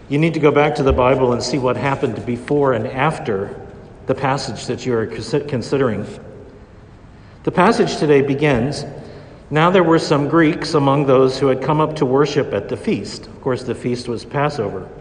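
A man's voice: medium pitch, normal speed. Man preaching in a cathedral-like echo. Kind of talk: liturgical scripture reading and homily. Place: large reverberant church indoors. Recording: long cathedral-like echo, reverberant church.

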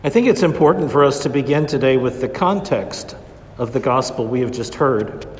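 A man's voice: mid-range voice, animated, normal speed. Man preaching in a cathedral-like echo. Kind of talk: liturgical scripture reading and homily. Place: large reverberant church indoors. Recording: long cathedral-like echo, reverberant church.

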